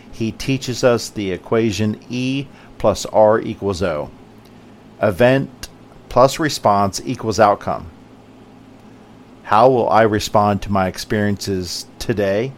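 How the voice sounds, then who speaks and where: A man hosting a podcast, giving a measured scripted motivational talk built on emphatic contrasts. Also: on the low side, slight background noise. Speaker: podcast host.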